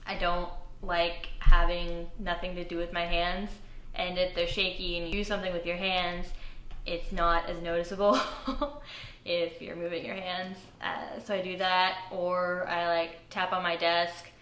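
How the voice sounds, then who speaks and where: A woman's voice: fairly low pitch, level tone, measured pace, a bit bright. A young woman, a college student, talking hesitantly and self-consciously in an interview, with fillers and little nervous laughs. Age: young adult. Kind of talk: personal interview. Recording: roomy echo with faint ambient hum.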